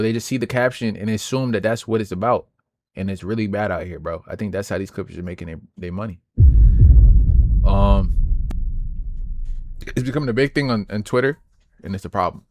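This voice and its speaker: A young man streaming, reacting casually to clips with slang and repeated restarts. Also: on the low side. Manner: slangy, talks back to the clip, repeats words.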